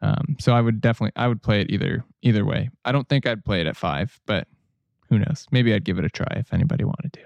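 A man's voice: on the low side, fast, vocal fry, no echo, highs cut off. A man co-hosting a board game podcast, chatting casually and rambling a little with restarts. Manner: relaxed, rambling with restarts and fillers.

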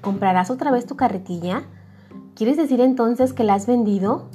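A woman's voice: on the high side, moderate pace, warm tone, soft background music, close to an everyday voice. A woman voicing a self-satisfied, preachy middle-aged miller who lectures in a storybook reading. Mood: smug. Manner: smug, lecturing.

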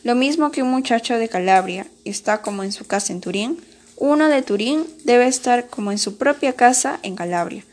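Storybook part: a grave, solemn male teacher, read by a woman. He is formal and earnest and speaks in measured lines. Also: on the high side, lively intonation, close to an everyday voice. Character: solemn, stern male schoolteacher, middle-aged.

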